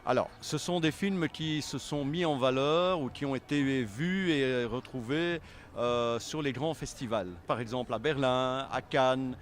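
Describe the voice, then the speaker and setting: A man's voice: medium pitch, unhurried. A man giving conversational, explanatory interview answers, rephrasing as he goes. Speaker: film selection association member being interviewed. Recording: faint background city noise.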